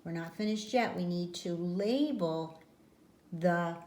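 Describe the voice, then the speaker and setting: Slow, patient woman teaching children. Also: fairly low pitch, a little mellow. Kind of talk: phonics lesson for children. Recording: echoey room.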